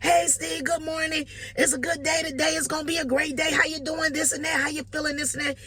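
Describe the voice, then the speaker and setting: A woman's voice: high voice, steady tone, fairly quick, over a noisy crowd, voice pushed up, close to an everyday voice. A woman voicing a relentlessly upbeat grown man who phones a friend at dawn, cheering him on in a hyped, sing-song way. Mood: hyped cheerful.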